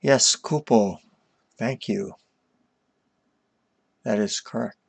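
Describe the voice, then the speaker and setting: A man casually chatting with viewers on a live stream while going through shogi puzzles, talking them through at an easy, unhurried pace. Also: on the low side, gravelly, husky, dry recording. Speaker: streamer teaching shogi problems.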